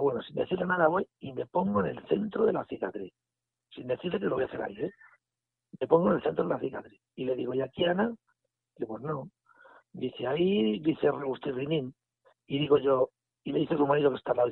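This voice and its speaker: A man, telling a story in a casual, animated way and acting out the dialogue. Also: on the high side, quick pace, gravelly, breathy edge, no room sound. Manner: animated retelling with quoted dialogue and restarts. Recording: phone line audio.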